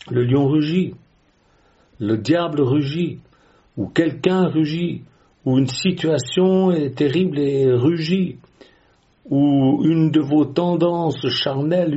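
A man's voice: mid-range voice, dark tone, muffled recording. A man preaching a sermon in a conversational way, with rhetorical questions and frequent hesitations.

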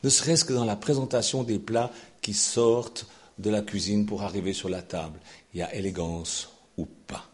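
A man preaching a sermon in an animated way, swinging from loud exclamations to near-whispers. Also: fairly low pitch, normal speed, slightly rough.

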